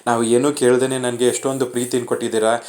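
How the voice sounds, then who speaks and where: A lonely young woman, sad and self-pitying, read out by a man. She speaks with a plain, flat, everyday voice at a middle pitch. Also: fast, natural voice. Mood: sorrowful. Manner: low-spirited and self-pitying. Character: sad, lonely young woman who has lost her father.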